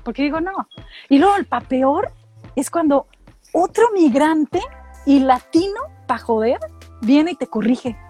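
A middle-aged woman from Mexico with a Mexican accent, telling animated, slangy stories in casual chat and acting out what people said. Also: sits high, unhurried, soft background music. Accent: Mexican Spanish. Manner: animated storytelling, slangy, acts out quotes.

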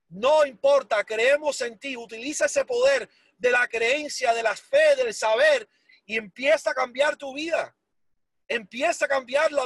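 A man's voice: very high voice, gravelly, fairly bright tone, dry recording. A man giving an emotional, emphatic motivational speech, repeating words for force and dropping English phrases into his talk. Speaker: motivational speaker for a sales business.

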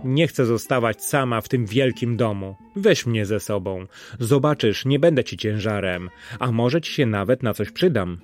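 A man voicing a small, devoted female mouse in a storybook reading, eager and quick to worry. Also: mid-range voice, expressive, a little mellow, soft background music, close to an everyday voice. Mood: pleading.

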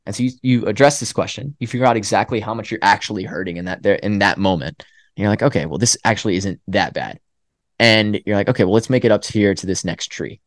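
Young dude on a podcast, low voice, acts out what runners say in their heads, dry close sound. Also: male voice, quick pace, dry recording. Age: young adult. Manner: animated storytelling with acted self-talk. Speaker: guest, college track runner. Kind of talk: casual podcast interview. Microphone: podcast microphone.

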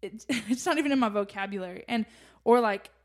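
Young woman cohosting a faith podcast, kinda high voice, gets excited, laughs a lot. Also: brisk. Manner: excitable, laughs often, many fillers. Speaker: podcast co-host.

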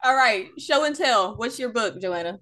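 A woman's voice: a little high, lively intonation, normal speed, sharp tone. Sassy woman hosting a podcast. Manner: sassy, playful, teasing. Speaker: podcast host. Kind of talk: casual podcast chat.

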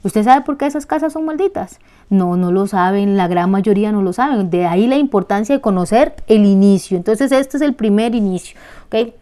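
A Costa Rican woman hosting a casual spiritual talk, blunt, colloquial and animated. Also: medium pitch, moderate pace.

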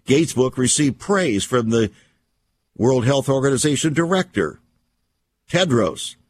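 A man hosting a talk program, delivering an emphatic, alarmist and conspiratorial opinion monologue in a deliberate way, with rhetorical questions and repetition. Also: mid-range voice, very animated, dry recording, studio quality. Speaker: radio program host.

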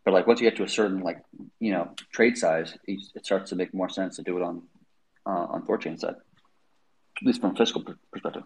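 A man's voice: sits low, fairly quick, vocal fry, rough recording. A man hosting a casual tech discussion, explaining things in an informal, rambling way with lots of verbal hedging. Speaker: host.

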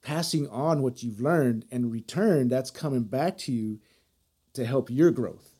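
A man's voice: mid-range voice, unhurried, mellow, breathy edge. A man interviewing in a casual, supportive conversation, affirming the other speaker and often checking in with short tag questions.

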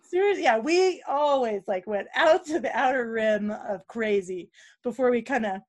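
A woman, a podcast guest telling stories in a casual interview, animated and quick to laugh. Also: a little high. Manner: animated, laughs often, acts out quotes.

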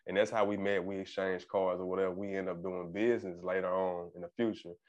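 Man from arkansas, low voice, laid-back interviewer, says right right a lot. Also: fast, muffled recording. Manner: relaxed, affirming, repeats words. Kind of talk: casual interview.

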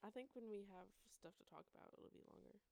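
A young woman in her early twenties, an EMT co-hosting a casual podcast, laid-back and quick with short agreeing replies. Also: medium pitch, creaky, warm tone, dry recording. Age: young adult. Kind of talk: casual chat.

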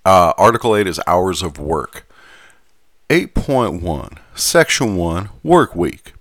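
A man voicing a genteel Southern gentleman who reads aloud in a measured, formal manner with a Southern US accent. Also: deep voice, big pitch swings, no room sound, clean studio sound, full character voice. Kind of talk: scripted reading.

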